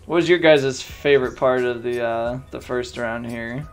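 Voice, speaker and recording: A man's voice: medium pitch, steady tone, moderate pace, smooth, soft background music. A man hosting and commentating a gaming tournament stream, chatty and joking with the live chat.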